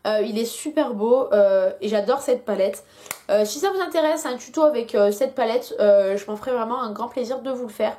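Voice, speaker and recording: A woman's voice: fairly high pitch, brisk, warm tone. A young woman chatting casually in a beauty product review, full of hesitations, while she has a headache. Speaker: beauty vlogger.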